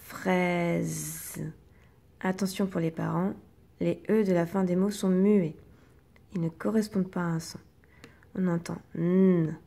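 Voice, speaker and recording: A woman teacher, slowly and patiently guiding young children through reading exercises and sounding out each syllable. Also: on the low side, fairly even intonation, vocal fry, mellow.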